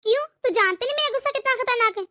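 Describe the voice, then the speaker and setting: A woman voicing a shrill, domineering cartoon mother-in-law. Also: rapid-fire, bright, forceful tone. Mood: threatening. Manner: shrill, scolding, threatening. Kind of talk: cartoon voice acting.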